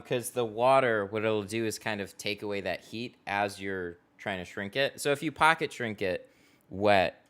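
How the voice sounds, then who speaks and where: Chatty, laughing tint shop host. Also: male voice, on the low side, fairly bright tone, clear, resonant tone. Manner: chatty, laughs often, answers viewer comments aloud. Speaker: window tint installer and livestream host. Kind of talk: casual livestream chat while working. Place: tint shop garage, indoors.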